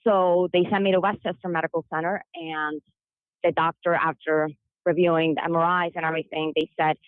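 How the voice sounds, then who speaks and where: A woman's voice: fairly low pitch, brisk, dry recording, narrow, tinny audio. A woman from Chile, a guest on a podcast, telling her personal story earnestly with some fillers. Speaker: interview guest.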